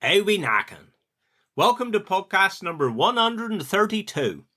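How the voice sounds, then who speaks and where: A man's voice: high voice, very animated, normal speed, bright, forceful tone. A Cornish man hosting his podcast, telling a rambling casual story in dialect while feeling under the weather. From Cornwall. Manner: chatty, rambling, with dialect words. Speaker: podcast host, funeral director.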